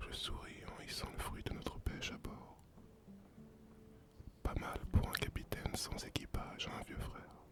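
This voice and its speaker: Whispered role-play, a performer as weary male sea captain, ex-pirate, fully breathy whisper, slow poetic storytelling, wistful. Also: over music, lightly acted. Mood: wistful, serene.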